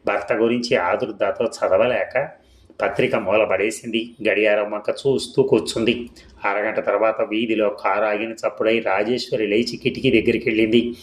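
Low-voiced man narrating a serial story. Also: moderate pace. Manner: steady reading, voices each character himself. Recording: echoey room.

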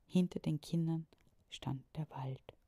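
A woman reading a children's story aloud in a calm, measured way, often dropping to a whispery tone. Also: deep voice, dry recording, clean studio sound. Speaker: reader.

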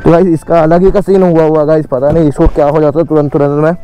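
A young man vlogging outdoors by a highway, scolding and insistent, talking to his viewers. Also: little pitch movement, quick pace, dark tone, faint music behind. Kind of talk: casual vlog talk.

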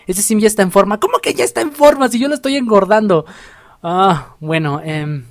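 A man's voice: high voice, a little fast, dry recording, studio quality, faint music behind. Playful gamer guy. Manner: playful, chatty, swings between loud exclamations and murmured asides; laughs often while talking. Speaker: gaming YouTuber. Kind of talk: let's play commentary.

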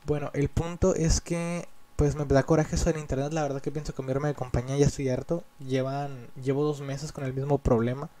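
A man's voice: medium pitch, little pitch movement, a little fast, few pauses, a crowd in the background. A man with a Mexican accent chatting casually over gameplay as a gaming YouTuber, rambling and complaining in an annoyed way.

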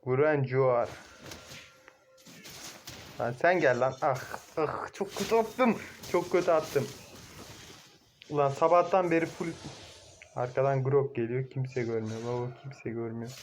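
A young man casually commentating his own mobile game match, excitable, cursing at teammates and shouting now and then. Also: medium pitch, unhurried, pauses often, slight background noise. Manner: excitable, swears and shouts at teammates, laughs loudly.

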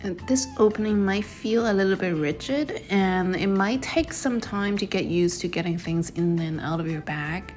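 A woman's voice: mid-range voice, normal speed, hardly any pauses, music in the background. A young woman narrating a casual shopping vlog in a chatty, descriptive way. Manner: chatty, descriptive, reviewing products. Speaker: vlogger.

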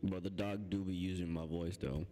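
A man's voice: low-pitched, steady tone, normal speed, mellow. A man chatting casually with a friend while gaming, laid-back and often laughing. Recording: noisy game-audio background.

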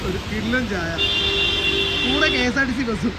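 Loud traffic and rain noise surrounds a man with a high-pitched voice and a Kerala accent. He vlogs casually outdoors, talking to his viewers in enthusiastic slang and mixing English words into his Malayalam. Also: expressive, unhurried. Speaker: vlogger. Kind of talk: casual travel vlog chat.

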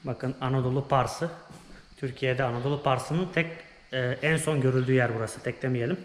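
A man's voice: medium pitch, fairly even intonation, fairly quick. Young man, travel vlogger, casual walkthrough, hall echo, background noise. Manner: listing exhibits in short bursts. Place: small museum exhibit hall indoors. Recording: echoey room, noisy background.

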